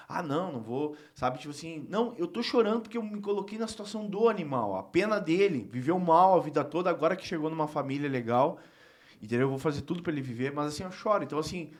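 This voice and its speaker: Male talk-show guest, higher-than-usual voice, emphatic and informal, mild swearing. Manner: emphatic and heartfelt, with frequent filler tags. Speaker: guest politician. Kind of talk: casual talk-show conversation.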